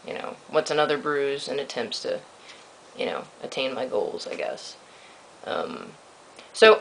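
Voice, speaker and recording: Reedy, creaky young-sounding male voice, bright edge. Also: a little hiss or hum, low-quality recording. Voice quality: reedy, slightly squeaky breaking voice. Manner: dry, self-deprecating, blunt. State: sore throat. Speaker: video blogger giving a personal update. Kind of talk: casual confessional video diary. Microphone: built-in microphone of an old point-and-shoot camera.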